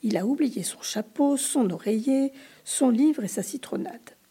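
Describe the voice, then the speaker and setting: A woman reads a children's story aloud in a whispered storybook reading, hushed and expressive. Her voice is very breathy and airy, with a mellow warmth, and sits a little high. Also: a little slow.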